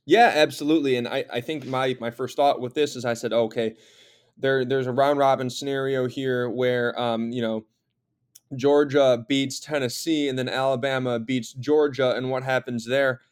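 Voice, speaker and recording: A man's voice: medium pitch, fairly even intonation, normal speed, clean tone. A man hosting a sports podcast in casual talk, chatty and hesitant with frequent fillers. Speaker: podcast host.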